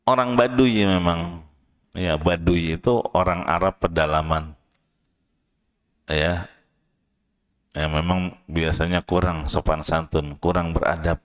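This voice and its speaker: Deep, smooth-voiced man giving a mosque lecture. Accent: Indonesian. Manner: explains in plain everyday talk, often checks in with the audience; chants verses slowly, then raises his voice to act out the shouting. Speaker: Quran teacher.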